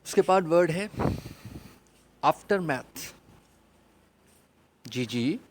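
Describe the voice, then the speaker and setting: A man's voice: mid-range voice, steady tone, slight background noise. Pakistani male teacher drilling vocabulary words. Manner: opens with an Arabic prayer, then explains in Urdu; stresses and repeats each vocabulary word loudly for pupils. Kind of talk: online English class lesson.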